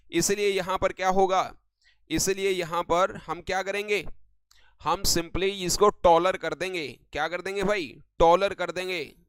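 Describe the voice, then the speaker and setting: भारतीय लहजे वाला एक पुरुष अंग्रेज़ी शिक्षक लाइव ऑनलाइन क्लास में व्याकरण समझाता है और दर्शकों को "बेटे" और "भाई" कहकर पुकारता है।. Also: male voice, sits high, clear, resonant tone, dry recording. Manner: addresses viewers as beta and bhai, reads sentences slowly. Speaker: English grammar teacher. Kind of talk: live online lesson.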